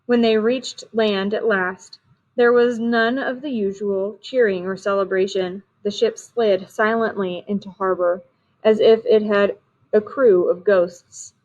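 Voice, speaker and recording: A woman's voice: mid-range voice, fairly even intonation, measured pace, darkish tone, highs cut off. Woman reading a storybook aloud. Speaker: reader.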